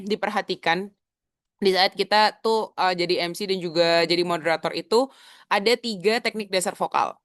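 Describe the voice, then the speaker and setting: A woman's voice: medium pitch, no room sound. Woman coach, dry close sound. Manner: casual, mixes in English phrases; demonstrates vocal techniques. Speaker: public speaking coach. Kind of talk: webinar lesson. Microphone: video call.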